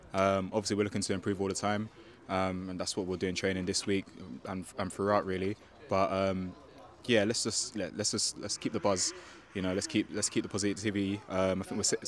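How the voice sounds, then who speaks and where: This young footballer has a fairly low, fairly bright voice as he gives a post-match interview outdoors on a handheld mic. He sounds hesitant, stumbling through fillers and restarts and repeatedly asking "do you know what I mean."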